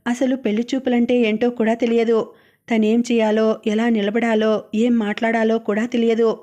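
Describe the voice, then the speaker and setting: Calm woman narrating an audiobook novel. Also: a little high, moderate pace. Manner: calm, even storytelling.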